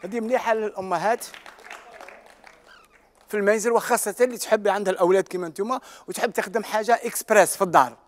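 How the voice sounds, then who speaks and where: A man's voice: sits high, racing. A man with an Algerian accent, performing playfully for children in a TV studio. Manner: playful, showman-like.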